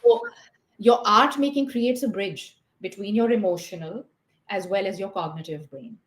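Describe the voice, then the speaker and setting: A woman's voice: medium pitch, moderate pace, roomy sound. A woman from Pakistan, a guest art therapist on a video call, explaining her work thoughtfully and step by step, with many fillers along the way. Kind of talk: explanatory interview talk.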